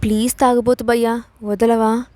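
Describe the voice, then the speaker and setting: A woman voicing a feisty, sharp-tongued young woman who talks in a shrill, exasperated way. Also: level tone, normal speed, no room sound, natural voice.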